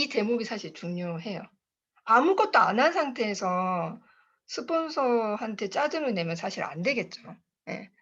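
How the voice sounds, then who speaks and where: A woman's voice: fairly high pitch, muffled recording. A woman giving a motivational talk at a sales team meeting, telling her own story in a chatty way, laughing often and addressing her listeners as bosses. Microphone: online video call.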